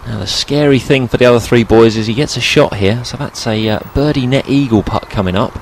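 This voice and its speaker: A man's voice: medium pitch, fairly quick, a little hiss or hum, rough recording. A man giving golf commentary, analysing each shot as it is played.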